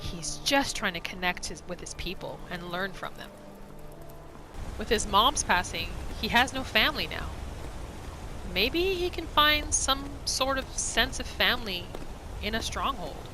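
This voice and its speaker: Unhurried and animated at medium pitch, a woman narrates her video game roleplay in the third person, telling her character's inner thoughts as she plays. Game music plays behind her amid a noisy background.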